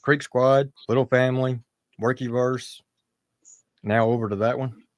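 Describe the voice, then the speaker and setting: A man's voice: medium pitch, steady tone, a little slow, no room sound. A man co-hosting a casual livestream, talking in a laid-back, drawling way. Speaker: livestream co-host. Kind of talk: casual chat.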